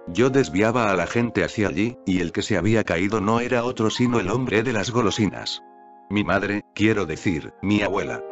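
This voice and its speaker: A man reads a spiritual text aloud in a calm, measured way, his voice sitting a little low. The recording is dull and lo-fi. Soft music plays faintly underneath. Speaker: narrator.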